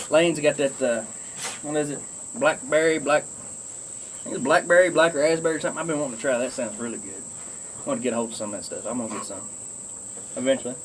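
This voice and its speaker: A man's voice: medium pitch, slight background noise, low-quality recording. Folksy Southern man rambling over his pipe. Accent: Southern US, rural Kentucky. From Kentucky, United States. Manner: folksy, drawling country speech; talking while smoking a pipe. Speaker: pipe-smoking video blogger. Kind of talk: rambling casual chat to viewers.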